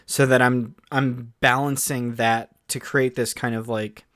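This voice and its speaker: A man co-hosting a podcast, chatting casually and excitedly in long rambling runs full of fillers. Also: medium pitch, measured pace, dry recording, clean studio sound. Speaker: podcast co-host. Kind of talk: casual chat.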